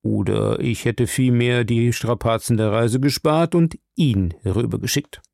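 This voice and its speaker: A man voicing a shrewd, suave investigator who talks in a measured, diplomatic way. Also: medium pitch, creaky, a little mellow, dry recording, clean studio sound.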